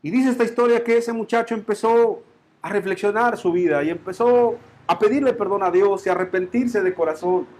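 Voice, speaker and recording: A man's voice: high voice, fairly quick, a little mellow. A man preaching a sermon in a Colombian accent, telling a story with emphatic repetition and rising and falling intensity. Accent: Colombian Spanish.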